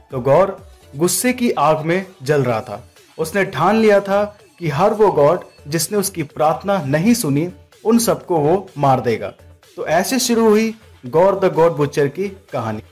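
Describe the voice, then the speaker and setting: A man with a slightly high, somewhat dark voice narrates a trailer breakdown as a video host. His voice-over explains the movie in an informal, opinionated way.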